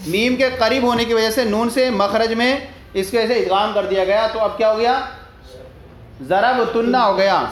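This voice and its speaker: A man teaching a religious studies lesson. He explains a text line by line, asks questions and answers them himself, and repeats his points. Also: very high-pitched. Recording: echoey room with faint background noise.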